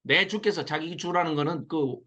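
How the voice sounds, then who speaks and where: High-voiced man teaching a Bible class. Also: moderate pace. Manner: animated, mocks the invaders in acted quotes. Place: classroom with a small audience.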